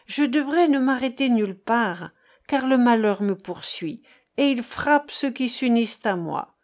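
A woman's voice: fairly high pitch, expressive, a little slow, a little mellow. A woman reading the part of an old male harper who is guilt-haunted, fearful and pleading, within a storybook narration. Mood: anguished pleading. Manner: anguished, pleading.

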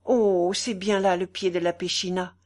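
A woman's voice: lowish voice, fairly even intonation, moderate pace, darkish tone, close to an everyday voice. A woman reading aloud, voicing a grown male gamekeeper who speaks with urgency. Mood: urgent. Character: grown male estate gamekeeper, alert and anxious.

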